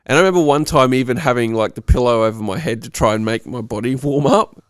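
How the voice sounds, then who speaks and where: A man's voice: medium pitch, quick pace, smooth, dry recording, clean studio sound. A man chatting casually as a podcast co-host, his voice nasal from a cold, laughing often as he talks. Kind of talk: casual chat.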